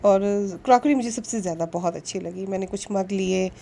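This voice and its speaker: A woman narrating a casual shopping vlog, speaking politely and earnestly, pausing with fillers now and then. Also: mid-range voice, vocal fry, warm tone, a little hiss or hum. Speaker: vlogger.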